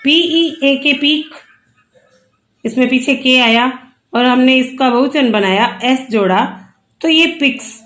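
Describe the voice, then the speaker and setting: A woman's voice: on the high side, a bit bright. A woman teacher explains English plurals patiently, spelling out each word letter by letter. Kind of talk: online English grammar lesson.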